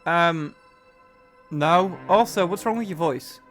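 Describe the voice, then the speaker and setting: A man's voice: fairly high pitch, takes it slowly, a bit bright, faint music behind. A man giving casual, joking let's play commentary and swearing often. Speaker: game player.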